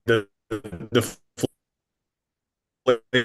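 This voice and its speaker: A man, a landscape design consultant presenting to a city council over a remote call line that is breaking up, halting and trailing off mid-sentence. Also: fairly low pitch, fairly even intonation, no echo. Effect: remote call audio breaking up.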